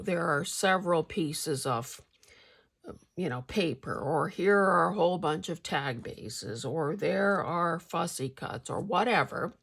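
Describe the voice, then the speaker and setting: An older woman hosting a casual craft vlog, speaking haltingly with a husky, gravelly voice, slightly mouth-full as if sucking a candy. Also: fairly low pitch. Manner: halting, hesitant delivery with pauses. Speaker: craft channel host.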